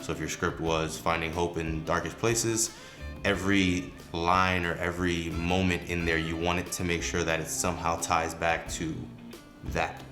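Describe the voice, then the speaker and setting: A man, a creative director, explaining storytelling tips in a relaxed, casual way, with frequent "you know" and "um" fillers. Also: sits low, moderate pace. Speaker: creative director and video host. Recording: echoey room with music underneath.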